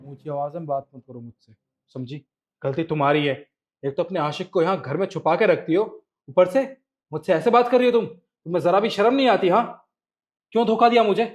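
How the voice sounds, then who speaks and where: A man's voice: high-pitched, brisk, darkish tone, faint music behind, close to an everyday voice. An actor playing a husband who accuses his wife of hiding a lover, in melodramatic short-film style. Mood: outraged. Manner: accusing, indignant. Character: husband Nikhil, confronting a cheating wife.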